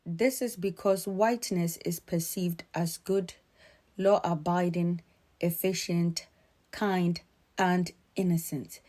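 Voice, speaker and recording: A woman from Ghana with a Ghanaian accent, giving earnest, emphatic spoken commentary in a measured way. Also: fairly low pitch, fairly even intonation, mellow.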